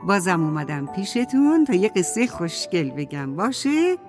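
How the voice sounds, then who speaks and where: A woman tells a children's story in a gentle, lilting storyteller voice, slightly low in pitch. She speaks straight to the little listeners. Music plays clearly underneath. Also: very animated. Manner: sweet, sing-song, addresses children directly. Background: background music.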